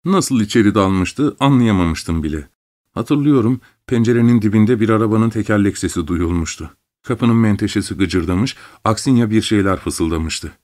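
A man narrating a story in the first person with a measured, dramatic reading. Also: fairly low pitch, a little mellow. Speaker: audiobook reader.

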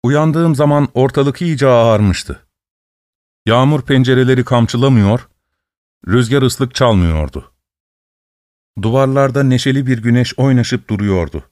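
A man narrating a story in a steady, measured reading voice. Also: medium pitch, no room sound, clean studio sound.

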